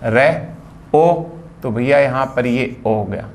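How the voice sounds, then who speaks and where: A man's voice: mid-range voice, slow, a little hiss or hum. A man from India teaching a phonetics lesson, explaining patiently and spelling out words sound by sound. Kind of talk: phonetics lecture.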